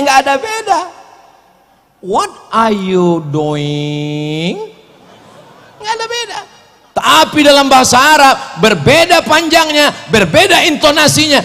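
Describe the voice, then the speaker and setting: Middle-aged male preacher from Indonesia, high, lively, joking sermon delivery, lots of reverb. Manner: animated, joking, rhetorical questions. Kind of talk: humorous sermon lecture. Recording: long hall reverb.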